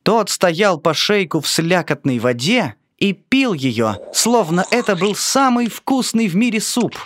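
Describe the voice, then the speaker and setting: A narrator reading a children's story aloud in an expressive, sing-song way. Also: mid-range voice, measured pace, dry recording.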